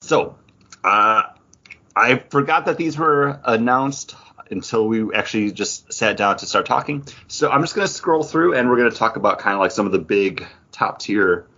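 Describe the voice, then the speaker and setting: A podcast host with a lowish, animated voice, pushed and bright, speaks at normal speed. He chats casually and off the cuff while reading out award nominees. The podcast audio is dull and lo-fi.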